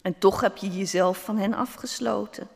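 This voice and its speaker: A man voicing a small, wise talking pebble, speaking softly and calmly in a storybook. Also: high-pitched, moderate pace, gravelly. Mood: calm, gentle. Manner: soft, calm, quietly persuasive. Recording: long hall reverb.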